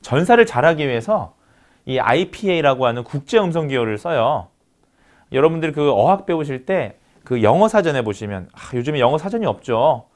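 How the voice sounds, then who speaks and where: A man's voice: medium pitch, big pitch swings, fairly quick. A man giving a recorded university lecture, explaining step by step and repeating key terms.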